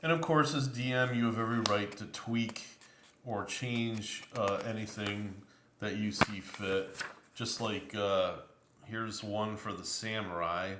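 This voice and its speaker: A man giving a relaxed spoken review of an old tabletop game book, slow and rambling, full of ums and uhs. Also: fairly low pitch, echoey room, background noise. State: tired, yawning.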